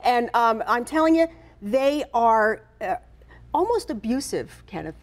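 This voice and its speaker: Woman host doing a chatty promo interview, higher voice, kinda emphatic, talks right to the viewers. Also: expressive, unhurried. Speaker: TV or radio host.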